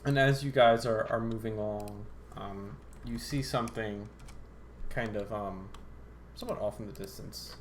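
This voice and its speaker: A man's voice: on the low side, moderate pace, a little hiss or hum. Laid-back swearing man running a tabletop game. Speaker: game master.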